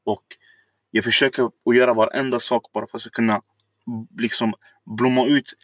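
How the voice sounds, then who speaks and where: A man's voice: medium pitch, flat delivery, fairly bright tone, no echo, studio quality. A man casually telling a long personal story on a podcast, rambling and reflective, with many fillers.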